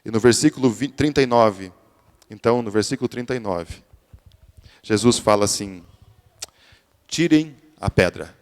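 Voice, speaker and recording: A man's voice: fairly low pitch, moderate pace, long pauses. A man preaching a sermon in a church, often restarting his words and then building to emphatic peaks. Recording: church sermon with long hall reverb.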